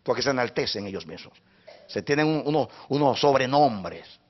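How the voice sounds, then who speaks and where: A man preaching a sermon as pastor, impassioned, swinging between hushed passages and loud, rising preaching. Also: medium pitch, animated, moderate pace. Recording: dull lo-fi recording.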